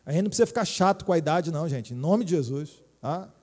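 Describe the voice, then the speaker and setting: A man's voice: a little high, expressive, fast talker, a little mellow. A middle-aged Brazilian man preaching a sermon as a pastor, chatty and joking, checking in with the crowd. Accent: Brazilian Portuguese. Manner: joking, chatty preaching with many tag questions. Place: church hall. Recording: hall reverb.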